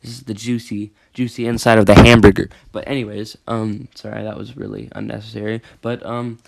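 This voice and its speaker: A man's voice: lowish voice, flat delivery, fairly quick, vocal fry, very noisy. Teen guy storyteller, casual vlog, rambling delivery, gets worked up. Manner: rambling, self-correcting, rising to agitated emphasis.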